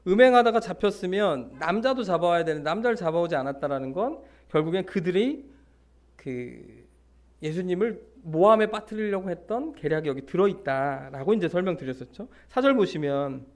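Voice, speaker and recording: A male pastor giving a Sunday sermon in a lively storytelling way, with humorous asides and acted-out quotes. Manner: acts out scenes and quotes with big pitch swings.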